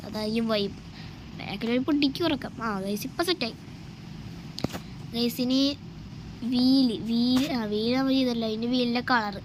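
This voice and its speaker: A woman's voice: a little high, background noise. A woman with a Malayali Kerala accent gives casual game commentary, mixing English words into Malayalam and often addressing viewers. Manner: addresses viewers repeatedly, repeats phrases. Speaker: gaming YouTuber.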